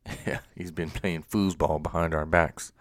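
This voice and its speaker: A man with a deep, low voice hosts a casual podcast. He is relaxed and chatty and laughs easily. The sound is dry and close, with no room around it. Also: moderate pace, no echo. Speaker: podcast host.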